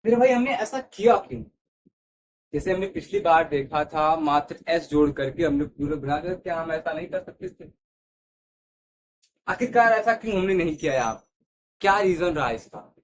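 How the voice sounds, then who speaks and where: A man teaches an English grammar lesson in a slightly high voice. He repeats each word list aloud and keeps checking that his students follow. His voice sometimes drifts as he moves away from the mic toward the board. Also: lively intonation, normal speed, slight background noise. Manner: repetitive, checks understanding with "theek hai". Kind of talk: classroom lesson explaining to students.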